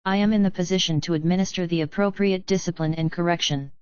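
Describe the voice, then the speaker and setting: A woman's voice: fairly low pitch, steady tone, fast talker, a little mellow, clean tone, no echo, lightly acted. Female reader voicing a cold, impatient demon guard captain, curt and dry-sounding. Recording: dry, slightly dull lo-fi sound.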